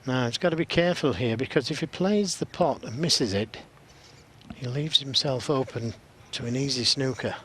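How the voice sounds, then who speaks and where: A man's voice: medium pitch, normal speed, a bit bright, slight background noise. A man co-commentating on snooker in a conversational, analytical way.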